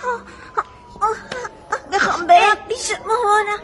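An actress playing a young woman waking injured in hospital, crying, confused and accusing everyone of lying. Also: very high voice. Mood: distraught. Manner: confused, accusing, near tears.

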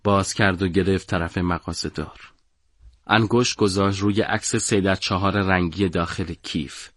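Man reading a story, very deep voice, dry close sound, steady and dramatic. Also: no echo. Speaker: narrator. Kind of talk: audiobook story narration.

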